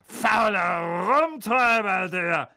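A narrator putting on a shrill, drunk, spiteful aunt. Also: big pitch swings, takes it slowly, sharp tone, full character voice. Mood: sneering. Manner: shrill, slurring, mocking. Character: drunk, spiteful, loud middle-aged aunt.

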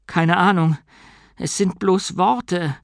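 A man's voice: high-pitched, fairly even intonation, takes it slowly, no room sound, studio quality, voice pushed up. A man voicing a simple, anxious young male novice who talks in a bewildered, earnest way in an audiobook.

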